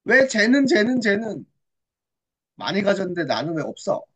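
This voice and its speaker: A woman's voice: medium pitch, big pitch swings, normal speed. A woman acting a childless young wife who keeps asking why she alone has no child. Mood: plaintive. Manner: whining, plaintive questioning.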